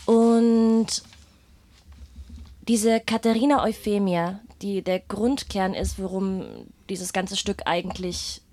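A woman speaks into a microphone as an interview guest, a singer and guitarist telling her story casually but hesitantly and thoughtfully. Her medium-pitched voice is flat, slow, and dark in tone.

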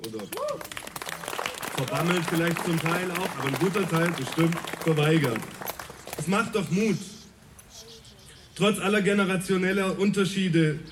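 A man's voice: high voice, normal speed, long pauses, a crowd in the background, noisy background. A man giving an earnest, polemical prepared speech at an outdoor rally. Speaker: rally speaker.

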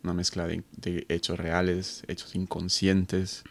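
Interview guest from Colombia, thirties, deep and gravelly, reflective, restarts often. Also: male voice, monotone, unhurried. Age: 30s. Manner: thoughtful, many fillers and restarts. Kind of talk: conversational interview.

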